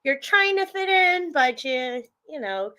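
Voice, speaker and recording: A woman with a high, bright voice co-hosts a podcast in casual chat. She teases her partner warmly and laughs easily at his stories. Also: big pitch swings. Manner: teasing, quick to laugh. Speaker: podcast co-host.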